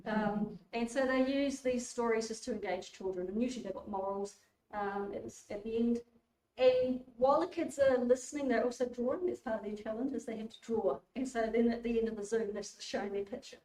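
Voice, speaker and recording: A woman giving a relaxed public talk, informal and chatty with many fillers and restarts. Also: fairly high pitch, brisk, distant mic. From New Zealand. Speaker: guest speaker. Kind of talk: public lecture. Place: community hall. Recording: echoey hall, voice from afar.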